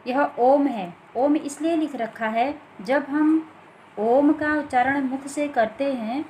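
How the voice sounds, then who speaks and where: A woman teaching a grammar lesson, explaining slowly and deliberately from written notes with many pauses. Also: high voice, a little mellow, slight background noise, low-quality recording.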